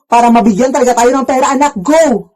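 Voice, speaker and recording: Woman playing a high-voiced nagging mom. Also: quick pace, darkish tone, slight background noise, close to an everyday voice. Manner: scolding, repeats "anak" constantly. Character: nagging, scheming Filipino mother, middle-aged. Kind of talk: POV comedy skit.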